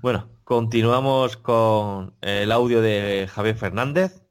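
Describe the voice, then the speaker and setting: A man's voice: fairly low pitch, slow pace, clean tone. A man co-hosting a casual podcast, dropping brief, offhand remarks. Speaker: podcast co-host.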